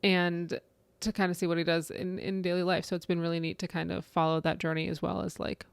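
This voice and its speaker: A woman in her late thirties chats about books on a podcast, animated and full of "like" and "right?". Her voice sits a little low, and the sound is close and dry with no room echo. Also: a little fast, creaky, smooth. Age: 30s. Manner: chatty, animated, lots of "like" and "right?". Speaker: podcast co-host. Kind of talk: casual book chat.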